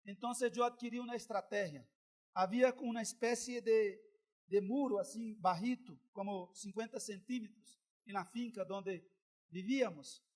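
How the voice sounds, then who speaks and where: A middle-aged male pastor preaching a sermon with a strikingly high voice. He tells his own story in a conversational way, then builds to loud, emphatic exhortation. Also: moderate pace.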